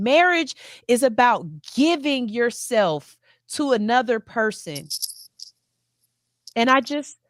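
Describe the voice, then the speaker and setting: A woman's voice: medium pitch, fairly bright tone, no room sound, studio quality. Earnest woman host in her forties. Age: 40s. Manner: earnest, emphatic, repeats phrases. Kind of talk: heartfelt talk-show monologue.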